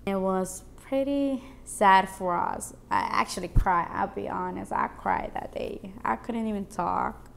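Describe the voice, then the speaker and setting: Creaky young woman. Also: medium pitch, unhurried, few pauses, slight background noise. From El Salvador. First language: Spanish. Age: late teens. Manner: earnest, hesitant with fillers. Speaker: student activist. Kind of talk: interview testimony.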